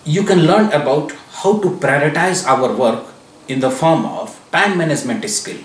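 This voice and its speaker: A man's voice: fairly high pitch, moderate pace. Echoey, distant man teaching mindfulness. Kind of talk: scripted promotional talk to viewers. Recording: echoey room, distant mic.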